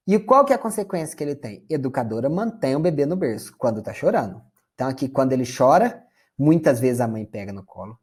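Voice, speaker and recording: Brazilian male lecturer, mellow and slightly husky, chatty classroom delivery. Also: mid-range voice. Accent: Brazilian Portuguese. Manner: conversational, addresses audience as "gente".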